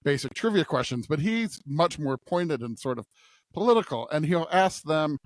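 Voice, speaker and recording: A podcast host leads a conversational scripture discussion, thinking aloud and often checking in with a questioning "right?". His voice is a little high with lively intonation, at normal speed and with no echo.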